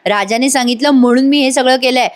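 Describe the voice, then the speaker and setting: A blunt middle-aged boss talking on the phone, put on by a woman narrator. He is curt and dismissive, and the voice sits fairly high. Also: fairly quick, close to an everyday voice.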